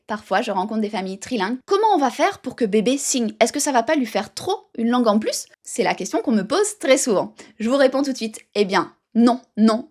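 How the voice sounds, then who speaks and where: A woman teaching baby sign language in an upbeat, emphatic tutorial, speaking straight to the viewer. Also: a little high. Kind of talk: direct-to-camera tutorial.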